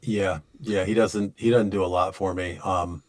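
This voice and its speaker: Male podcast co-host, deep voice, loose rambling delivery, dry recording. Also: fairly even intonation, normal speed, dry recording. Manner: rambling, many restarts and fillers. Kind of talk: casual chat.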